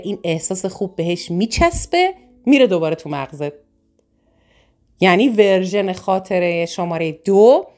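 Female self-help coach, low-pitched, emphatic and repetitive, speaking straight to her students. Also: a little mellow. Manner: emphatic, drawn-out stresses on key words; speaks directly to listeners, repeats words for emphasis. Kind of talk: recorded lesson.

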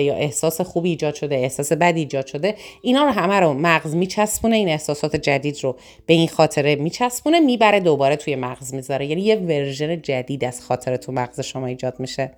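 A woman coaching listeners in a recorded self-help lesson, stressing key words by drawing them out and repeating phrases. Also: low-pitched. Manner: speaks directly to listeners, repeats words for emphasis.

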